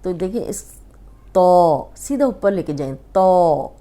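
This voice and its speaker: A woman with a Pakistani Urdu accent teaching tajweed in a slow lesson, patiently repeating and stretching each letter sound. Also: lowish voice, lively intonation, dark tone. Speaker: Quran reading teacher.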